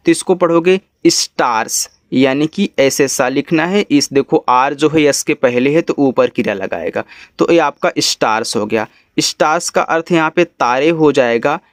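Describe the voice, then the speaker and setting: A man's voice: fairly high pitch, no room sound, clean studio sound. A man with a Hindi accent teaching English reading, spelling each word out letter by letter and then explaining it patiently.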